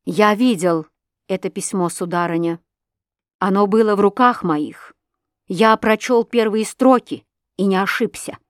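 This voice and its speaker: A woman reading an audiobook, voicing a jealous, stern husband who shouts sharp accusations. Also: medium pitch, no room sound, studio quality, natural voice. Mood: accusing. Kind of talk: audiobook reading of a classic novel.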